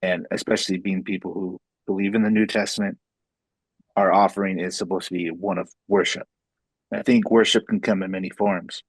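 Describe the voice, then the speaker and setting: A podcast host reflecting on faith in a measured, explanatory way. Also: low voice, flat delivery, slightly rough, no echo.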